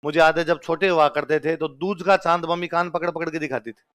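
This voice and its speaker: A man's voice: fairly high pitch, fairly even intonation, a little fast, fairly bright tone. A man teaching a lesson, repeatedly asking questions and answering them himself. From Rajasthan. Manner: quizzes listeners with call-and-response questions. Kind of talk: exam-prep lecture.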